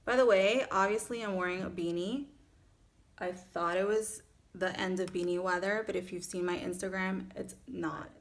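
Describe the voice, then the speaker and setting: Chatty Miami-accented woman with creaky voice. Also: lowish voice, steady tone, moderate pace. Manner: chatty, informal, self-accepting. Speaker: beauty vlogger. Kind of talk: casual makeup tutorial chat. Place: small furnished room at home, indoors.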